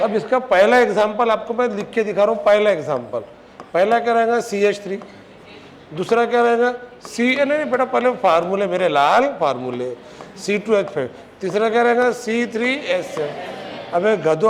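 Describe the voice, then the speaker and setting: A man teaches a chemistry class, pitching his voice high as he fires question after question at his students. He scolds them when they are slow to answer. The classroom recording carries a steady layer of noise. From Maharashtra, India. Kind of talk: classroom lecture.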